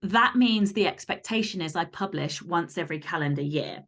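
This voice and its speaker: Speaking at an ordinary pace with a fairly low voice, this woman is a guest author and podcaster. She's candid and lively in the casual interview, stressing her points emphatically.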